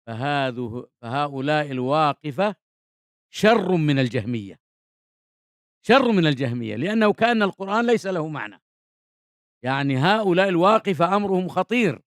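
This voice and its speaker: A man giving a classical Arabic creed lesson at a conference, repeating key phrases and asking the audience rhetorical questions. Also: sits high. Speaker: Islamic scholar teaching a creed text. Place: conference hall.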